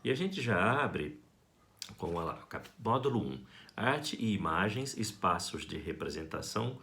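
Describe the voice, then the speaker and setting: A Brazilian man giving a school art lesson, talking to his students in a playful, affectionate and expressive way. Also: low voice, a little slow, creaky. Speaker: art teacher.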